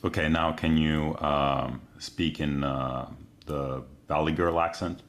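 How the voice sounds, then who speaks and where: A man giving halting spoken prompts to an AI in a demo. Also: rumbling low, fairly even intonation, a bit bright. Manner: halting, with fillers.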